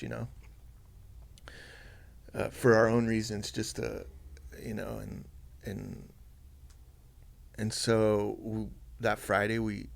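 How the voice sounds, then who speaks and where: A man, a podcast guest telling a personal story softly and haltingly, with many fillers and restarts. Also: lowish voice, vocal fry.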